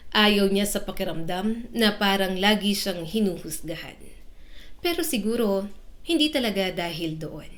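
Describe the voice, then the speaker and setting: Woman reading a drama story, steady and even, mid pitch. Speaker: narrator. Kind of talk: scripted story narration.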